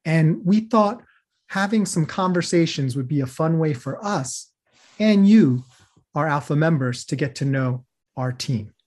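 A man hosts a casual interview in an upbeat, friendly way. His voice sits a bit higher than most men's, and he reads the opening before easing into relaxed questions. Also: measured pace. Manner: upbeat, friendly, with scripted intro reading. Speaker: podcast host.

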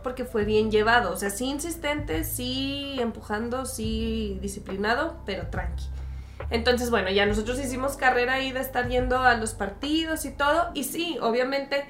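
A young woman chats on a podcast with a slightly high voice. She tells stories with energy and laughs easily. A faint hiss sits under the recording. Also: moderate pace, echoey room. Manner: lively storyteller, laughs often. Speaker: podcast co-host. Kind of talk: casual chat.

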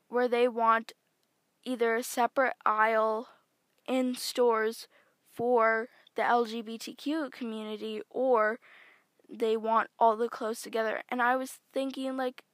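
A teenage girl musing aloud on her solo podcast, her slightly high voice unhurried and meandering, full of little fillers and restarts. She sits very close to the mic, and the recording is dry with no room sound. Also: a bit bright, dry recording. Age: teens. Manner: rambling, chatty, many fillers and self-corrections. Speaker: podcast host. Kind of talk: casual solo podcast monologue. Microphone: close microphone.

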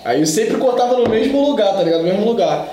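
Fast-talking Rio man in an echoey room. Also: sits high, lively intonation, dark tone, slight background noise. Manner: fast, slangy storytelling. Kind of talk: casual chat.

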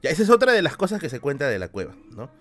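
A young man with a Peruvian accent, a streamer telling spooky stories in a casual way and ending his lines with quick tag questions. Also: on the high side, soft background music. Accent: Peruvian Spanish. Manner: animated, tags lines with "¿no?". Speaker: streamer host.

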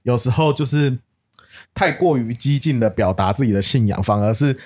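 A man's voice: mid-range voice, moderate pace, a little mellow, husky. A man with a Taiwanese Mandarin accent co-hosting a casual chat, laughing often and repeating words for emphasis. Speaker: podcast co-host.

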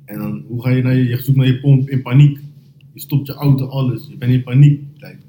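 A young man hosting a casual podcast chat, animated and slang-heavy, laughing often as he tells stories. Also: mid-range voice, a little fast. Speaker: podcast host. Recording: roomy echo, faint noise.

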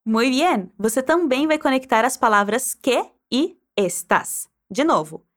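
Woman, Spanish teacher, high animated voice, encouraging drill style. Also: a little slow. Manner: encouraging, prompts listener to repeat aloud. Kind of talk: guided pronunciation drill.

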